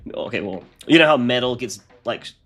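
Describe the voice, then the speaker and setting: A man's voice: medium pitch, expressive, fairly quick, sharp tone. A man with a congested, nasal voice, chatting casually on a live stream as he rambles through his modding work aloud.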